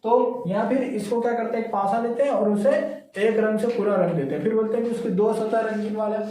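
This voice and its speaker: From far off in an echoey classroom, a man teaches a lesson with call-and-response, counting aloud and repeatedly checking in with students by asking "है ना?" His voice sits high with a dark tone, and he speaks briskly and repetitively.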